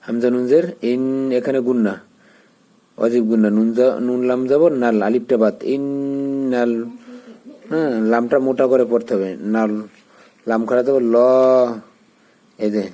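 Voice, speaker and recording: A man teaches Quran recitation, spelling out each letter and vowel mark one by one. His voice is warm and dark at an everyday pitch. He talks in a patient, repeating way. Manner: patient, repeats syllables slowly, gives pronunciation pointers.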